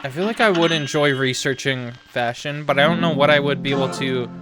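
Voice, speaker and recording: A man streaming a video game, chatting in a rambling way full of "like" and restarts, getting loud and excited in bursts. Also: mid-range voice, a little fast. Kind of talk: casual live-stream chatter while gaming. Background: game music.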